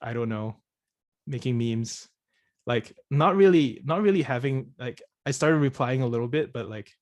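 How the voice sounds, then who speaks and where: A man's voice: medium pitch, normal speed, darkish tone, no echo, studio quality. A man from Singapore answering questions in casual conversation, often restarting and repeating words. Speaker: presenter of the course session.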